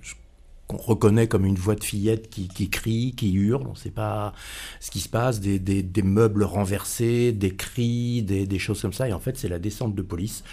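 Mellow-voiced man critic, earnest. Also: fairly low pitch, steady tone, normal speed, slightly rough. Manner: earnest, with hesitations and repeated words. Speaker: film critic. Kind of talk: radio film review. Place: radio studio.

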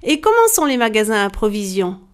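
A woman's voice: mid-range voice, very animated, fairly quick, natural voice. A woman playing Bluebeard, a threatening cruel husband. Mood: probing. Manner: threatening, demanding. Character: menacing murderous nobleman Bluebeard, male, cruel.

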